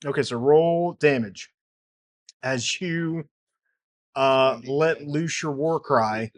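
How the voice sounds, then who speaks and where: Male game master, slightly high voice, easygoing, talks through rules in restarts. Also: takes it slowly. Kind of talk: narrating a tabletop game.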